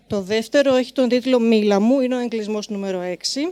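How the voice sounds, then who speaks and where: A woman reading poems and short prose aloud at a live literary event, with brief spoken introductions between pieces and a measured, rhythmic recitation. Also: fairly high pitch, darkish tone, dry recording.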